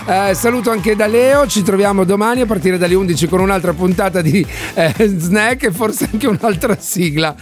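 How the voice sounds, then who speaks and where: A man's voice: high-pitched, normal speed, few pauses, faint music behind. A man presenting live radio as a chatty, playful Italian quiz host.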